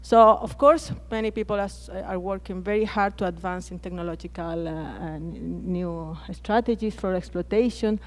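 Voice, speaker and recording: A woman's voice: lowish voice, fairly even intonation, moderate pace, hardly any pauses. Chilean-accented woman, hesitant panel speaker. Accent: Chilean Spanish. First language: Spanish. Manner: hesitant, frequent restarts and fillers. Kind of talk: conference panel talk.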